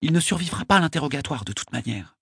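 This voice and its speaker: A man reading an audiobook, voicing a sharp, commanding noblewoman who interrogates a prisoner, in a husky falsetto. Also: expressive, quick pace, no echo, clean studio sound, heavily acted. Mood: probing. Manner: imperious, urgent questioning. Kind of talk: audiobook character voice.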